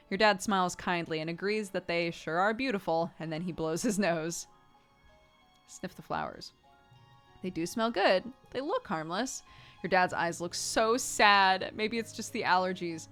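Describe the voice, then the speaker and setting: A woman streamer reading a story game aloud, with expressive narration and casual, conversational asides. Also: fairly low pitch. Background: music.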